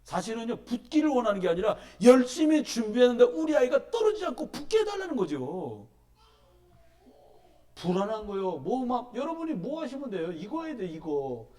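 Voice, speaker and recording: High, lively-voiced middle-aged male pastor. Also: normal speed. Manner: animated storytelling, emphatic exhortation. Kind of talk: sermon. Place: church sanctuary.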